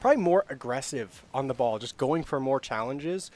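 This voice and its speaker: A man giving casual live color commentary on an esports match, chatty and quick to laugh. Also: mid-range voice, expressive. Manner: chatty, laughs often, gets loud on big plays.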